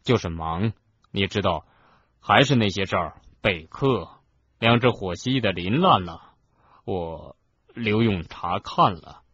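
Low, husky giant gamekeeper put on by a man narrating, weary, radio play, dull lo-fi sound. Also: lively intonation, a little slow, fairly bright tone, no echo, exaggerated voice. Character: huge gruff male gamekeeper, hurt but brave.

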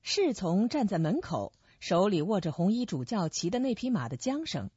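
A woman narrating a radio story in a steady storyteller's manner. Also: mid-range voice, normal speed, husky, no echo. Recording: dull lo-fi recording.

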